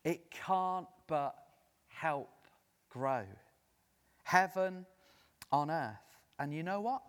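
A man preaching a sermon as a lively storyteller who acts out the voices of the people he quotes. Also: fairly high pitch, extremely slow. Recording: long reverb of a large hall.

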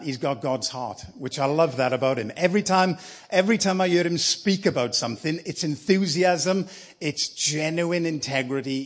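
A man in his fifties with a South Welsh accent, giving a sermon live in church as a guest preacher, telling his story with lively enthusiasm. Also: a little high. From South Wales. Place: church sanctuary.

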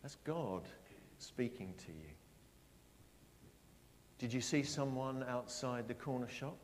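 A middle-aged man preaching a sermon, asking his congregation questions and stressing his words slowly. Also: medium pitch, a little hiss or hum. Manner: lively, questioning the congregation, slow emphatic phrasing. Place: church. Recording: long church reverb.

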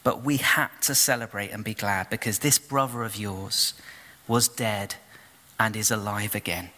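Man voicing a gentle, forgiving father. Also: fairly low pitch, moderate pace, long reverb tail. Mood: tender. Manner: tender, calm reassurance.

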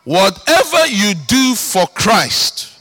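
Speaking slowly in a high voice, a Ghanaian-accented pastor preaches with great animation. He punctuates the sermon with shouts and sing-song stresses.

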